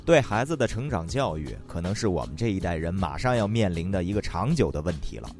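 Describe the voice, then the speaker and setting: A man with a Northeastern Mandarin accent hosting a radio comedy, telling stories in a teasing, lively way. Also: sits low, quick pace. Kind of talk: comic storytelling. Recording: faint background music.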